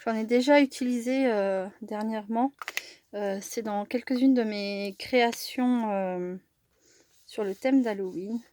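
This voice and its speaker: A woman talks slowly and unhurriedly as she shows off craft supplies in a casual haul video. Her voice sits a little high, and she hesitates often, circling back and restarting her sentences. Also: a little mellow. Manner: slow and hesitant, many fillers and restarts. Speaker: crafting vlogger. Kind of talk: casual product haul chat.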